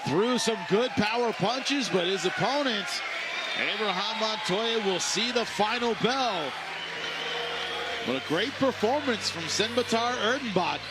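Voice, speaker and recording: High-voiced male boxing play-by-play host. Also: lively intonation, a little slow, very noisy. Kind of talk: live sports commentary.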